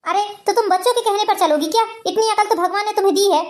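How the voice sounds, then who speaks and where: A woman voicing a gentle, dutiful young daughter-in-law in a cartoon family drama, speaking politely and pleadingly. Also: extremely high pitch, fast talker. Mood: apologetic.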